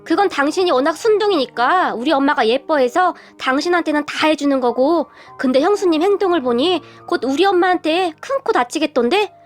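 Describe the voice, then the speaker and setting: A woman voicing a grown son who fusses and gets excited about his mother. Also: sits high, a little fast, hardly any pauses, faint music behind. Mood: knowing. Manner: excitable, fussing.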